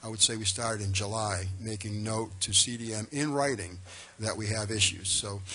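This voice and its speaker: A man with a bright, forceful voice addresses a town board from a meeting-room table microphone. He speaks emphatically and reassuringly, with formal courtesy. His delivery sounds like an official giving public testimony. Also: fairly low pitch, fairly even intonation, normal speed.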